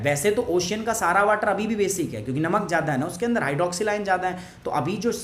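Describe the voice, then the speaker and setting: A male teacher walks his students through a science lesson, throwing out questions and answering them himself. He works English phrases into his sentences and patiently goes back over points. His voice rings with the echo of a bare room. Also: high-pitched. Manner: patient, repeats explanations.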